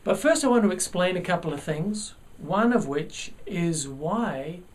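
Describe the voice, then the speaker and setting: A college writing teacher with a New Zealand accent and a high, expressive voice, speaking a little slowly. In a video lesson, he explains the basics of grammar with earnest emphasis.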